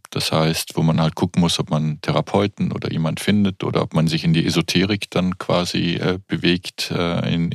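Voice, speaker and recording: A man's voice: sits low, creaky, no room sound, clean studio sound. A man in his fifties hosting a podcast, talking reflectively and often searching for words with fillers. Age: 50s. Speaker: podcast host. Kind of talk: reflective conversation.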